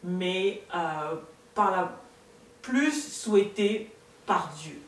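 Speaking very slowly with lively intonation, a woman in her thirties with a fairly low voice tells her faith story as a talk show guest. She is earnest and halting, restarting often; the indoor studio set with a sofa gives a roomy, distant sound with faint room noise.

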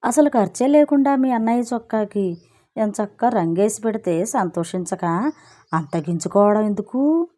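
A woman's voice: medium pitch, lively intonation, moderate pace, mellow, lightly acted. A woman voicing a wry, gossipy wife in a storybook. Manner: breezy, gossipy, self-justifying. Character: chatty married woman, wry and complaining.

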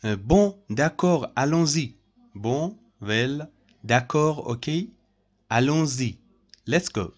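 A man's voice: medium pitch, lively intonation, slow pace. A man teaching French over a screen recording, repeating each phrase and translating it. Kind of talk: screen-share language lesson.

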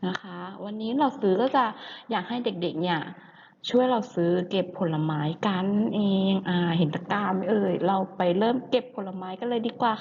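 A woman's voice: medium pitch, darkish tone, lo-fi sound, slight background noise. A woman teacher leading a children's language lesson, coaxing and sing-song, asking the class questions and having them repeat words.

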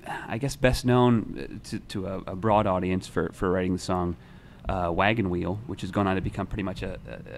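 Deep-voiced young man, relaxed newsroom host. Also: gravelly, a little hiss or hum. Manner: relaxed, rambling, many fillers and restarts. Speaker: music writer and show host. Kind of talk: casual newsroom chat. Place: newsroom studio. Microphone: desk microphone.

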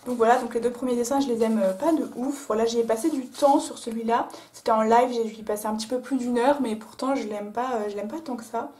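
A woman artist talking casually about her drawings, with many fillers and pauses. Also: a little high, steady tone, mellow. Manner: chatty, many fillers like euh and voilà. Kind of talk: casual chat. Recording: echoey room.

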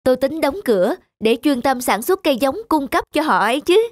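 For a cartoon dub, a woman with a high, expressive voice plays a polite, enterprising young village man, earnest and courteous, speaking fairly quickly. She sounds confident yet modest, in clean studio sound with no room echo and music beneath the dialogue.

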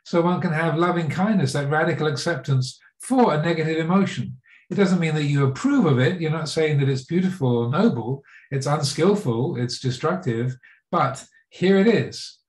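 A man in his sixties with an English accent, a Buddhist monk giving a dharma talk, halting with many fillers and restarts. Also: a little high. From England. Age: 60s. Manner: halting, many fillers and restarts, gentle self-mocking laughs. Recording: roomy echo.

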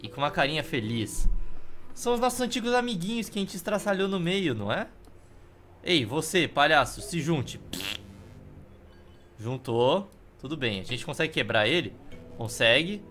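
Higher-pitched Brazilian man casually commentating a game. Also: pushed and bright. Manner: wry, offhand humour. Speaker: video game streamer. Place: indoor room. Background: game music.

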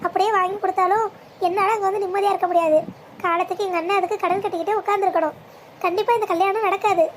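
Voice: extremely high pitch, fairly even intonation, rapid-fire, slight background noise. A voice actor playing a proud, troubled young bride-to-be in a family cartoon drama, speaking in a pleading yet resolute way. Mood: distressed.

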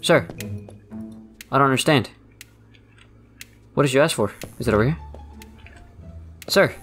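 A man's voice: mid-range voice, a little slow, fairly bright tone, breathy edge, faint music behind. A man giving frantic let's play commentary, talking to his viewers and repeating words under pressure. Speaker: gaming YouTuber.

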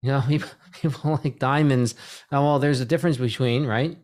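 A man's voice: medium pitch, fairly even intonation, brisk, a little mellow. Rambling middle-aged man on a desk mic. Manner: rambling, lots of "right?" tags and restarts. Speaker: host. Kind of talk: casual video call conversation. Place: home room with bookshelves. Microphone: desk microphone on boom arm.

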